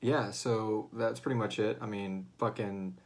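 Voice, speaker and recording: A man with a lowish, slightly mellow voice keeps his intonation fairly even and his pace measured. He hosts a casual, unscripted livestream Q&A for serial drama fans, rambling with hesitant phrasing and slangy, profane asides.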